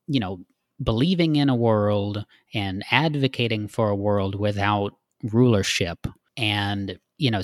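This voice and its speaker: A man's voice: fairly low pitch, a bit bright, no echo, clean studio sound. A man from Texas, a guest in a casual interview, explaining earnestly with frequent fillers.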